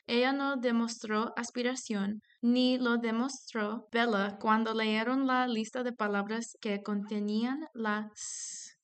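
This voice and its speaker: A young woman in her twenties, a student presenter, reads a scripted explanation carefully and slows down on example words. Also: fairly high pitch, fairly bright tone. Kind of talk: scripted educational narration.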